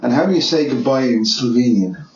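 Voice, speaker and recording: A man's voice: mid-range voice, animated, brisk, darkish tone. A man hosting a casual chat from home, talking hesitantly with many restarts. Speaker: podcast host. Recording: echoey room, dull sound, faint noise.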